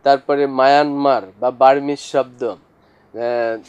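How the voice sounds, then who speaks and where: A man's voice: mid-range voice, fairly even intonation, slow, a little mellow, clear, resonant tone, dull audio. A male teacher giving a classroom lesson, speaking to students directly and listing examples one after another. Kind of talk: classroom lesson explaining vocabulary.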